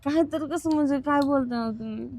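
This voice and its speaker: High-pitched, whining, unwell village wife played by a woman. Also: a little fast, dark tone, dry recording. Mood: aggrieved. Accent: rural Marathi. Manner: whining, complaining. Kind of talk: Marathi comedy skit acting.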